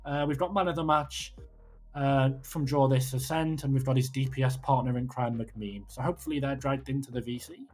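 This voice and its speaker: A man casting a live esports match. He gets excitable, swears freely and sounds out of breath after a close finish. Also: medium pitch, a little fast. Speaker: esports caster.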